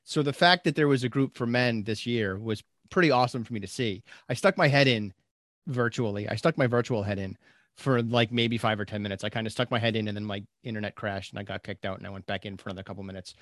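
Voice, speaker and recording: Male podcast voice, mid pitch, dry sound, thoughtful and self-deprecating. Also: fast, a bit bright, no room sound. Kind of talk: casual conversational chat.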